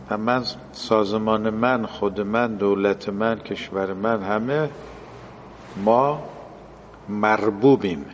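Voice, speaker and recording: A man's voice: medium pitch, long reverb tail, a little hiss or hum. A man giving a religious lecture in a classroom style, explaining and translating quoted Arabic phrases.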